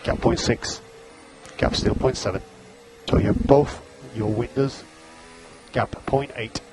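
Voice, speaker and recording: A man's voice: mid-range voice, fairly even intonation, measured pace, darkish tone, soft background music. A man working as race engineer, giving terse, clipped pit radio calls over a team radio link, repeating gaps and status updates. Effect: team radio transmission.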